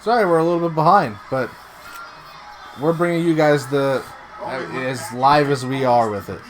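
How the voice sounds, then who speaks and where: A man's voice: mid-range voice, normal speed, faint music behind. Joking man co-hosting a watch-along. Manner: joking, mock-smug. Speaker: live stream co-host. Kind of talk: casual watch-along chat. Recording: crowd noise behind. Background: crowd noise from the broadcast.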